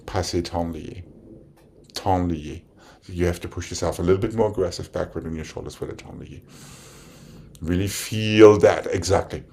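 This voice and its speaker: Deep, gravelly man calling out ballet steps rhythmically. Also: steady tone, fairly quick, dark tone. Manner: directive, counting out steps in short rhythmic phrases. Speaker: ballet teacher. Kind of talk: dance instruction, calling out combinations.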